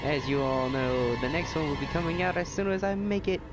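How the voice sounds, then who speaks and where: A man's voice: a little high, fairly quick. A young man hosting a let's play, chatting casually and trash-talking the game as he plays. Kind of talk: casual gameplay commentary. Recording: game music loud behind voice.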